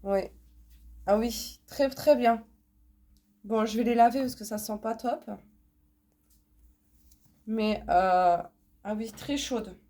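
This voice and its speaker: A woman's voice: a little high, slow, long pauses, dark tone. A woman with a cold, speaking nasally through a blocked nose, chatting casually as she shows off items she bought. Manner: chatty, repeats words, many fillers. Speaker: vlogger showing a haul. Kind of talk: casual unboxing chat.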